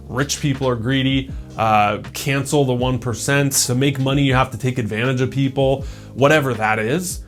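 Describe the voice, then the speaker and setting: A self-improvement YouTuber in his thirties gives a casual, conversational motivational talk, filling his speech with "like" and "right?". His voice sits at a medium pitch.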